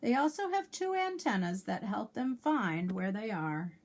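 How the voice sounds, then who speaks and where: This is a read-aloud of a children's alphabet book by a female teacher whose voice sits at medium pitch. Her sing-song, lively reading is unhurried, she sounds out letters carefully for small kids, and she chats with them through asides and questions.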